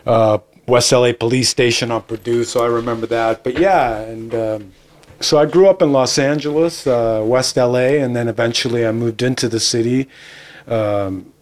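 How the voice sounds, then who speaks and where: An older man from Argentina, a podcast guest, telling stories in an animated, chatty way. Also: mid-range voice, moderate pace. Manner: animated storytelling, laughs easily. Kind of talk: casual interview chat.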